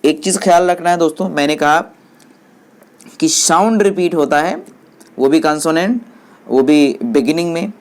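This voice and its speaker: A woman teaching English, explaining each point slowly and repeating English phrases in Hindi while speaking to viewers as friends. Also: sits low, a little mellow.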